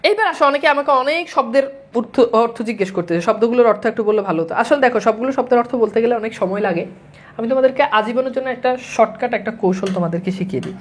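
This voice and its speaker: Speaking to exam students in a classroom-style lecture, this animated Bangladeshi woman hurries through grammar fixes with a fairly high voice. Her brisk, drill-like repetition covers every incorrect and correct form, and English words pop up occasionally.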